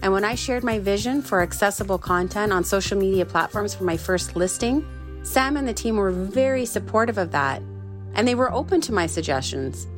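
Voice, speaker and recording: A woman giving a first-person voice-over interpretation of a signer's words, in a calm, measured delivery. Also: medium pitch, faint music behind. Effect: interpreter's voice-over translating sign language. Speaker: sign language interpreter.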